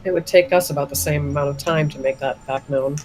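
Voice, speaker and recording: A man's voice: on the high side, fairly even intonation, fast talker. Male tabletop player, faint music. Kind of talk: casual in-character play.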